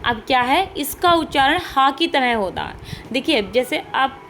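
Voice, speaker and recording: A woman's voice: high-pitched, expressive, a little slow, a bit bright. Woman teacher repeating points, faint hiss. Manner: repeats points with "ठीक है" and rhetorical questions. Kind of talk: online class lecture.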